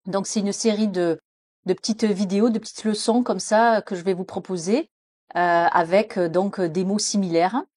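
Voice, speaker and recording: Woman teacher explaining english sounds in french, lots of euh, slows down for examples, dry close mic. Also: mid-range voice, steady tone, darkish tone, husky, dry recording. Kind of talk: French-language English pronunciation lesson.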